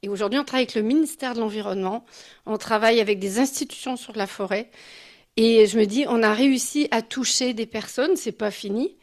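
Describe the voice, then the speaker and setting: A woman in her fifties or older from Quebec City, Canada, speaks as a guest at a conference, giving an informal, personal and reflective talk live before an audience. Her voice is fairly high and fairly quick.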